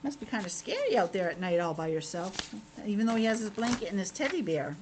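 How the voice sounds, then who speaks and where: With a medium-pitched, sing-song voice, a woman teacher rattles quickly through a picture book for young children. She interrupts herself with simple conversational remarks, and plenty of background noise comes through.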